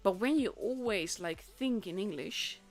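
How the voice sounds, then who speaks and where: Faint stream music accompanies a young woman commentating a tournament on her live stream. Her mid-range voice has lively intonation and a measured pace; she is a native Dutch speaker from the Netherlands with a Dutch accent, an esports caster who rambles casually with fillers and restarts.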